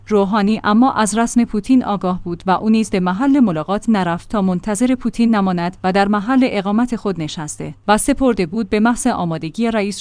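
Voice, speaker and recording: A woman reading out a news magazine report in a steady, measured way. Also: medium pitch, dry recording. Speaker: news reader.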